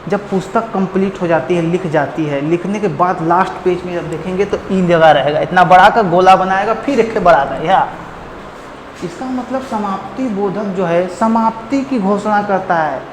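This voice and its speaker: A man teaching a Hindi grammar lesson in a playful, joking way, warmly calling his listeners friends and drawing out words to demonstrate them. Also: sits high, normal speed. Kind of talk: online classroom lesson. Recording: echoey room with long reverb and faint noise.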